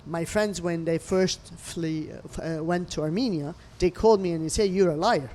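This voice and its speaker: Her voice sits on the low side and moves at a normal speed. She's a middle-aged Lebanese restaurateur giving an interview over food, telling her stories with feeling in broken English with non-native phrasing.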